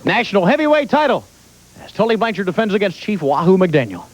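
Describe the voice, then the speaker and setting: A man's voice: high-pitched, sing-song, fast talker, poor audio. A male wrestling announcer giving an emphatic event promo, reading out a match card.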